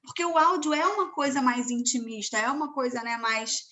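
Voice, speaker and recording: Chatty high-voiced Brazilian woman host. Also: a little fast, pushed and bright. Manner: chatty, many fillers like "né". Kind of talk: casual live chat.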